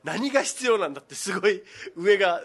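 Fast-talking man radio host. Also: high-pitched, expressive, gravelly, husky. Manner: quick, agreeable, lots of short backchannels. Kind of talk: casual chat.

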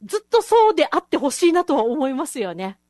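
A woman's voice: high-pitched, big pitch swings, fast talker, warm tone, no room sound, clean studio sound. A woman hosting a casual chat show, talking enthusiastically and laughing often. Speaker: host.

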